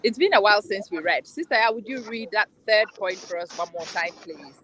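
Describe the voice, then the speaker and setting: A woman's voice: medium pitch, lively intonation, fairly quick, pushed and bright, slight background noise, low-quality recording. A woman hosting a casual group book discussion, thinking aloud in a reflective, self-deprecating way. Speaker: book club host.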